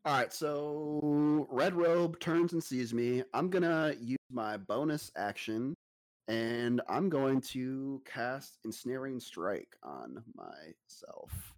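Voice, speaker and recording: A man in a tabletop game session, chatting casually, joking and animated as he plays. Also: medium pitch, takes it slowly. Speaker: player.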